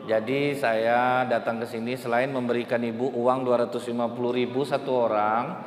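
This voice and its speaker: A man's voice: medium pitch, little pitch movement, normal speed, close to an everyday voice. A man voicing a polite, persuasive male political candidate in a sermon anecdote. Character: smooth-talking male political candidate, middle-aged. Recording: echoey hall, faint ambience.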